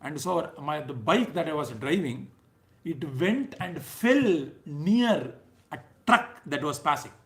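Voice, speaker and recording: A South Indian man teaches a scripture class as a spiritual teacher, his gravelly voice a little high, animated, and a little slow. It's an informal sermon of anecdotes and chanted verses, delivered conversationally and emphatically, with phrases often ending in a checking "right?".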